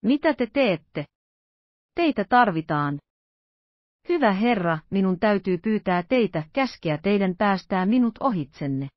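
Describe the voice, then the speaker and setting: A woman's voice: mid-range voice, sing-song, no echo, natural voice. Jittery wealthy man, read by a woman narrator, tense and clipped; dry, slightly muffled audiobook. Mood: alarmed. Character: nervous wealthy male millionaire, anxious and commanding.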